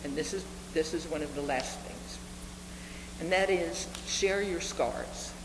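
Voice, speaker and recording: A reverend in her seventies preaches to a congregation in a low voice, earnest and deliberate, repeating phrases for emphasis. Her live speaking mic picks up a reverberant meeting hall that is noisy and humming.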